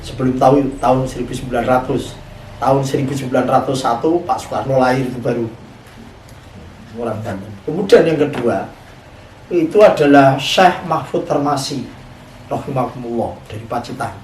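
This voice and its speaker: A man's voice: medium pitch, moderate pace, a little mellow, a little hiss or hum. A man, preaching a sermon and telling a story, often putting questions to his audience. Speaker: Islamic preacher. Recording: echoey room, voice from far off.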